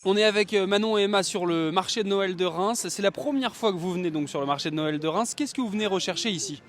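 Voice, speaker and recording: A man working as a street reporter, asking passers-by friendly, clear questions. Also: sits high, fast talker, slight background noise. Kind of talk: vox-pop interviewing.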